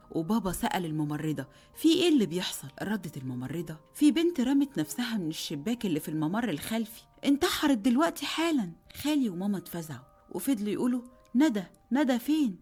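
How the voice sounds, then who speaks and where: A woman with an Egyptian accent tells a first-person horror tale at a quick clip, in a low, mellow voice. Her delivery swings between hushed whispering and tense, emotional bursts, with faint music underneath. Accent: Egyptian Arabic. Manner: emotional, shifting from hushed whispers to urgent outbursts. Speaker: horror storyteller. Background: faint background music.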